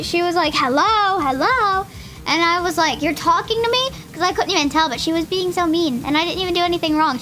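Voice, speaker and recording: A woman's voice: very high voice, a bit bright, a little hiss or hum. A young woman streamer chatting casually while playing, rambling and joking at herself. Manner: rambling, joking, self-deprecating. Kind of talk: casual gameplay commentary. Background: game music.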